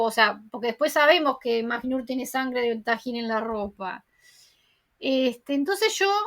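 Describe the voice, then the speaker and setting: High-voiced woman recapping a series. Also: a bit bright. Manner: chatty plot retelling, strings lines together with "entonces" and "o sea". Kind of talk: casual episode recap.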